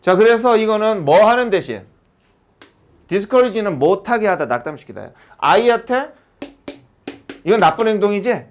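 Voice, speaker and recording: With slight background noise behind him, a high-voiced man teaches English to a classroom of students at normal speed, pausing often. As a high school English teacher, he's lively and constantly asks rhetorical questions.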